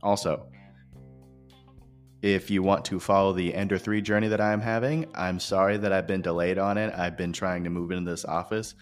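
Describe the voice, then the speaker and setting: A man with a deep voice hosts an informal, scripted podcast, explaining things straight to his listeners in a steady tone at a moderate pace. He records in a new, empty office with no furniture, so his voice echoes, and music plays behind him.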